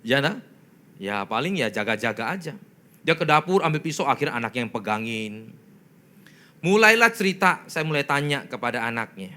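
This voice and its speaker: A man's voice: mid-range voice, big pitch swings, normal speed, pushed and bright. A male pastor preaching a storytelling sermon, speaking conversationally to his listeners, asking rhetorical questions and acting out voices and sounds from his story. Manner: addresses listeners as "saudara", acts out voices and sounds in his stories.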